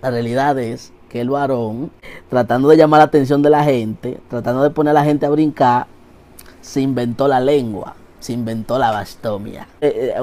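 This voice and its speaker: A man telling a comic story in a mock-dramatic, animated way. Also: mid-range voice. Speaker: comedian host.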